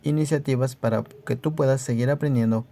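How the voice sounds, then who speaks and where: Gravelly-voiced man teaching a language lesson. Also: medium pitch, fairly even intonation, mellow. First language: Nahuatl. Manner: patient, repeats phrases slowly for learners. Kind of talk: video lesson.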